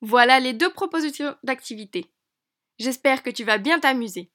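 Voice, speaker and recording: A woman teacher narrating a lesson for young children in an encouraging, clear way, slowing down on key words. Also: sits high. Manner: bright, encouraging, speaks slowly to a child.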